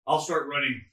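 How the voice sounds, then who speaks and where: A man playing a tabletop game, quick to jump in and help others with the rules. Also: mid-range voice, bright, forceful tone, echoey room, low-quality recording. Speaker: player. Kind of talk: casual tabletop game play.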